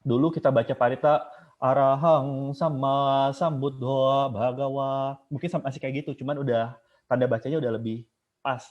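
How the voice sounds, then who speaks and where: A man's voice: medium pitch, fairly even intonation, fast. A man giving an informal online lecture on chanting, casual and digressive, now and then chanting an example. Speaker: guest speaker teaching chanting. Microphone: video call. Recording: muffled video call audio.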